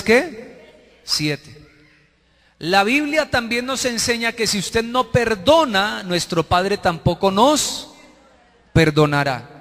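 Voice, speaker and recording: A Colombian man preaching as pastor, animated, quizzing the congregation to finish his sentences and acting out people in mocking voices. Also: high-pitched, in a large hall. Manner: acts out worshippers and quarrelling couples in mocking voices. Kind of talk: sermon.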